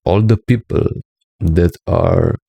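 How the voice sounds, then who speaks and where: Heard on a lo-fi recording with no echo, a Slovenian man with a low, slow, gravelly voice and a breathy edge speaks English, his second language, with a Slovenian accent. His earnest, preachy monologue as a spiritual teacher keeps checking in with "right?".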